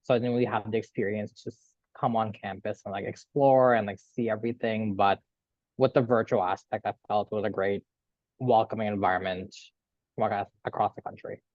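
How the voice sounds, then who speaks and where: A man's voice: on the low side, steady tone, brisk, dry recording, muffled recording. A man in his twenties from Canada, an optometry student who speaks casually as a panelist. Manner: casual, with many "like" fillers.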